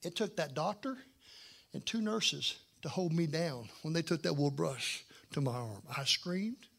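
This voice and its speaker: A middle-aged man preaching a sermon, telling a personal story with animated swings from loud bursts to hushed, low lines. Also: unhurried, creaky. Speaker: guest preacher.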